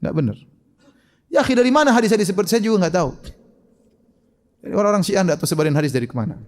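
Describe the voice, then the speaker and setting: A man's voice: high voice, expressive, rapid-fire, long reverb tail. A man giving an emphatic religious question-and-answer lecture, full of rhetorical questions. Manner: emphatic, rhetorical questions, shifting loud and soft. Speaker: Islamic preacher.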